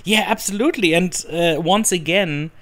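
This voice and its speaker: A man's voice: high voice, normal speed, fairly bright tone. A man hosting a podcast, chatting in a friendly way with a returning co-host. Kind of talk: casual chat.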